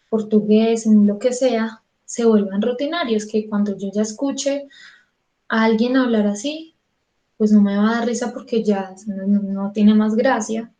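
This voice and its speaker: A woman's voice: a little high, warm tone. A woman with a Colombian Spanish accent giving an online singing lesson. She talks in a chatty way, acts out her students' thoughts and repeats words for emphasis. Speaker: vocal coach. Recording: echoey room.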